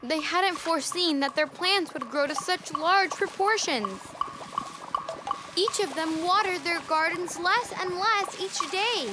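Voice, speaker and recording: A high-pitched child storyteller. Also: measured pace, very noisy. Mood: dramatic, lively. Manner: expressive, dramatic reading to small kids. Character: bossy older girl telling storybook tale to younger kids. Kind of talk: animated storytelling to young children. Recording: music behind the voice.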